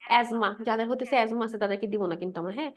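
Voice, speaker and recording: A woman's voice: a little high, racing. A woman lecturing on pharmacology. She mixes in English medical terms, asks the class questions and answers them herself, and repeats key points with a checking "right?". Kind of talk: explanatory lecture with quiz questions.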